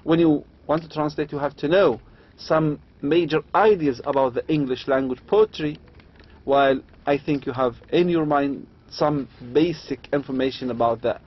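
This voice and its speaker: A man with an Arabic accent lecturing on poetry, reading slowly and adding quick asides. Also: on the high side, husky. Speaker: university lecturer. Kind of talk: lecture explaining English meter, mixing English and Arabic. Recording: dull lo-fi lecture recording.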